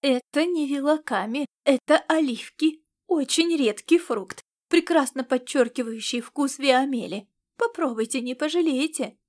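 Woman doing a fat sly innkeeper man, fawning, unctuous, raised pitch. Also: lively intonation, measured pace. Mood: wheedling. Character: fat fawning male tavern keeper, sly.

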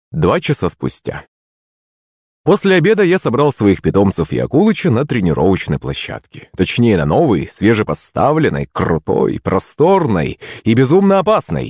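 Lively wry male audiobook narrator. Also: on the low side, husky, no echo, studio quality. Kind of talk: scripted narration of a fantasy novel.

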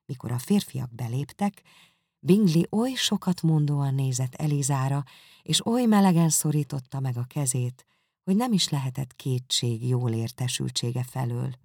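A woman reading a classic novel aloud as audiobook narrator, calm and measured, close to the microphone. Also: extremely low pitch, husky, dry recording. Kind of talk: scripted narration.

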